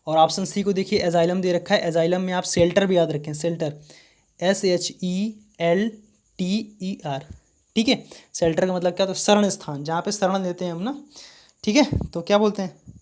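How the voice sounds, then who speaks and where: A male teacher giving a live online vocabulary lesson, spelling words letter by letter and repeating his questions. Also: high-pitched.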